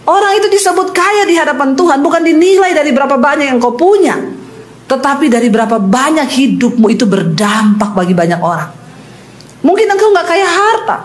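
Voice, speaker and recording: A woman pastor preaching a lively sermon to a congregation, acting out the people in her stories and putting questions to the listeners. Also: high voice, roomy sound. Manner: animated preaching, acting out quoted voices, asks the congregation questions. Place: church with congregation.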